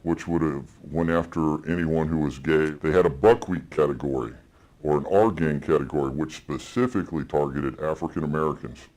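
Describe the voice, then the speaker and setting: Man with an electronically disguised deep voice. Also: a little mellow. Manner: blunt and critical, with halting restarts and fillers. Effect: electronically disguised, pitched-down deep voice. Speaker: anonymous federal agent source. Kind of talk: interview clips in a news report.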